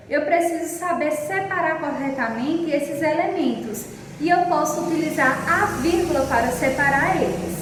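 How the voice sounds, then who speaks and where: Woman, teacher, from Brazil, high-pitched, slow didactic manner, echoey hall, faint background noise. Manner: affectionate, slow and didactic, stretching example sentences. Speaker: primary school teacher. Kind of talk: recorded remote lesson for children. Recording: echoey room, distant mic, faint noise.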